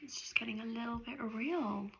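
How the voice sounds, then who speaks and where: A young woman from England chatting excitedly in a casual video diary, rambling with lots of fillers and restarts. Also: fairly high pitch, moderate pace, very noisy. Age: young adult. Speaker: vlogger.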